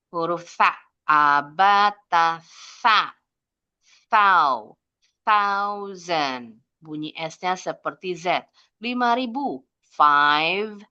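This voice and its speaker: A woman English teacher with an Indonesian accent, running an online lesson for kids, stretching out model words slowly between her explanations. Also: mid-range voice, bright, forceful tone, dull audio. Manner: slow, drawn-out model pronunciations between brisk explanations.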